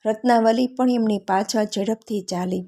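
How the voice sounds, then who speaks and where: A woman narrating a folk tale in a calm, steady storytelling manner. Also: on the high side, moderate pace.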